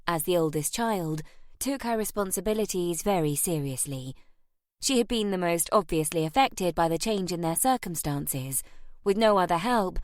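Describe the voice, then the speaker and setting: Low-voiced woman narrating a romance novel. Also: no room sound, studio quality. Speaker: audiobook narrator.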